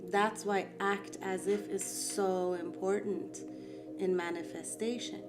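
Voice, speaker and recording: Calm and reflective, a Farsi-speaking art therapy teacher guides an art lesson at a slow pace, adding gentle emphasis. Her voice sits at a middle pitch, and clear music plays behind her the whole time.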